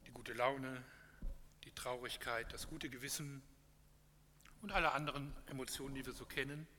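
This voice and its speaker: A man's voice: mid-range voice, fairly even intonation, moderate pace, sharp tone. Earnest man preaching in an echoey hall. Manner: earnest, encouraging, with hesitations. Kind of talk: sermon closing with a read parable. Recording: echoey hall with faint hum.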